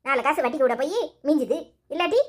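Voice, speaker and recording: In a cartoon, a woman voices a sharp-tongued, nagging elderly mother-in-law, scolding fast and sarcastically in Tirunelveli Tamil. The voice sits high yet stays close to how she might normally talk.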